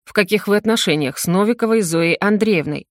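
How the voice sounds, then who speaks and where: A woman's voice: medium pitch, brisk, lightly acted. A woman voicing a confident, dry male detective who drawls his questions in an audiobook.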